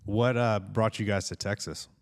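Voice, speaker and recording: Deep, smooth-voiced podcast host. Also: male voice, fairly even intonation, normal speed. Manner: conversational, asks questions, frequent "uh" and "you know". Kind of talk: casual podcast interview.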